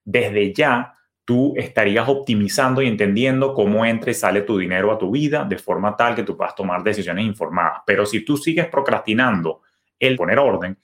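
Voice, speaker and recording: Man, middle-aged, earnest coaching podcast monologue, lowish voice. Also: fairly quick, a bit bright. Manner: earnest, coaching, uses everyday examples. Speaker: personal finance podcast host.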